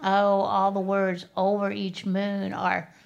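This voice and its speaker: Brief: unhurried female co-host with vocal fry, matter-of-fact, casual puzzle talk. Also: medium pitch, monotone, muffled recording. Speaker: podcast co-host. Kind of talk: casual chat about a crossword puzzle.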